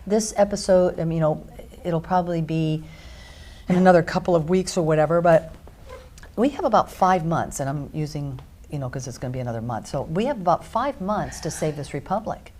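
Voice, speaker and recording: A woman hosts a talk radio interview with a low, mellow voice. She drives her points home in rhythmic lists, pausing with fillers before pushing on. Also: animated, slight background noise. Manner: emphatic, stacks points in lists. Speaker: radio show host.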